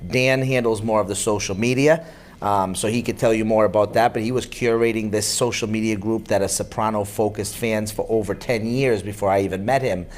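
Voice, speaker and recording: Low-voiced man explaining his work. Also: steady tone, fairly quick. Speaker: event organizer guest. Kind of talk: explaining interview chat.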